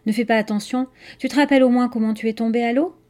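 A friendly, chatty young boy from a storybook, as a woman reads him. He talks eagerly and asks quick questions in a fairly high, mellow voice. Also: steady tone, lightly acted.

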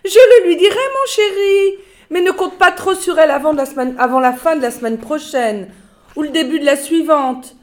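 A woman voicing a fussy, condescending secretary who gushes over the phone in a high sing-song voice. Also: moderate pace, close to an everyday voice. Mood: gushing.

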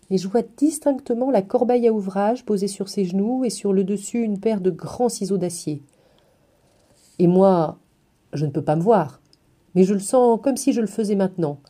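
A woman reading a literary memoir aloud in a measured way, phrase by phrase with pauses. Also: medium pitch, warm tone. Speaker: reader.

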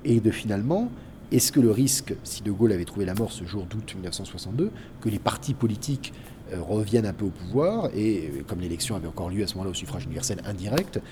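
A man's voice: fairly low pitch, animated, fast talker, noisy background. A man giving an informal, explanatory account of history as a narrator.

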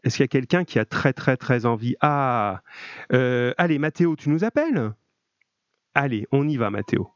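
A man's voice: mid-range voice, lively intonation, normal speed, dry recording. Guy teacher on a video call, encouraging, lots of fillers, dull lo-fi sound, dry. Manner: encouraging, chatty, many fillers. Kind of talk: live online grammar class.

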